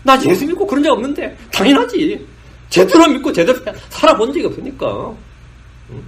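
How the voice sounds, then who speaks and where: A man's voice: very high voice, huge pitch swings, brisk. A man who is a pastor, preaching a blunt, scolding sermon, acting out little dialogues with coarse slang and laughter.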